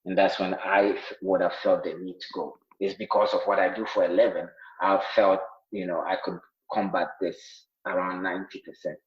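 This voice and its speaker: A man's voice: deep voice, level tone, moderate pace. A man, a health care worker telling of his own illness in earnest, with many fillers and restarts. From Ghana. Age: 40s. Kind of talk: interview, personal account. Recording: roomy, dull sounding line.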